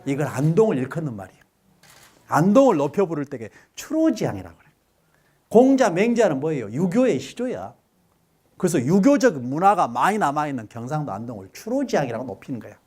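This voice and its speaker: A middle-aged male lecturer addresses a live audience in a fairly high, sing-song voice that rises and falls a great deal. Brisk, a little mellow and slightly rough, he cracks jokes, quizzes the crowd and leads them in repeating words back.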